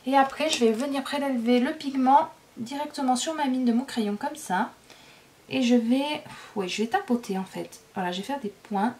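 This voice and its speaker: A woman hosting a casual coloring tutorial, chatty and relaxed, with frequent fillers and small self-corrections. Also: sits high, moderate pace, a little hiss or hum.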